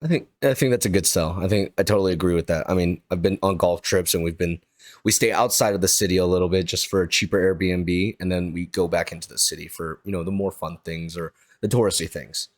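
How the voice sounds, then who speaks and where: A man with a very low voice hosts a golf podcast. He chats casually and upbeat, with plenty of fillers. The sound is dry and close. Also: fairly quick, dry recording. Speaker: podcast host.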